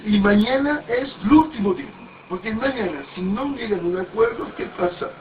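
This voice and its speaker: High-voiced man on a distant tinny recording. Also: normal speed. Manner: rambling and anecdotal, with many restarts and crude words. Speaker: speaker at a parody mass. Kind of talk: informal sermon-like talk. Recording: distant, tinny, faint background noise.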